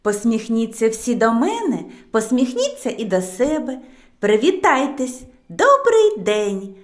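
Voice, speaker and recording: A woman kindergarten teacher leading a children's speech lesson, chanting rhymes slowly and clearly for little ones. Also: fairly high pitch, very animated. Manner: slow, sing-song, clearly articulated. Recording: echoey room.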